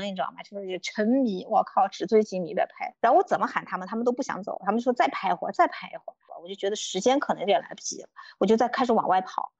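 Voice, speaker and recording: A young woman guest on a podcast, telling stories in an animated, casual way, swearing freely and acting out quotes. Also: medium pitch, dry recording. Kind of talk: casual storytelling chat. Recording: dull lo-fi dry sound.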